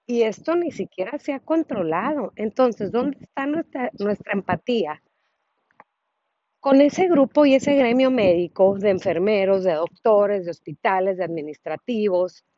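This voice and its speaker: A woman's voice: mid-range voice, mellow, no room sound, lo-fi sound. A woman with a Mexican accent hosting her own solo podcast, speaking earnestly and with feeling, firing off rhetorical questions. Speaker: podcast host. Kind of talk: reflective solo podcast monologue.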